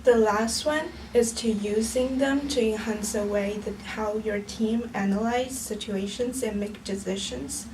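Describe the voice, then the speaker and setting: A woman's voice: a little high, steady tone, measured pace, hardly any pauses, darkish tone. Chinese-accented woman presenting from a distance. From southern China. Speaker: student presenter. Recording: distant mic, faint background noise.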